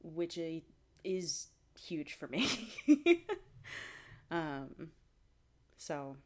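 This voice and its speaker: A young woman giving a casual fitness vlog update, rambling with fillers and restarts, clearing her throat now and then. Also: sits low, very animated, extremely slow, darkish tone. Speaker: vlogger.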